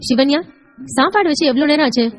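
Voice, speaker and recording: A woman voicing a caring older grandmother who gently scolds, in an audio story. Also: high-pitched, animated, quick pace, voice pushed up. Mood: fussing.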